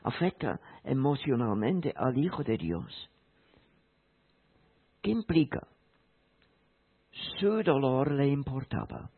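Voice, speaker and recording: A man preaching a sermon in a slow, emphatic way, repeating key phrases. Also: medium pitch, very animated, creaky, husky. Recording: tinny phone-like sound.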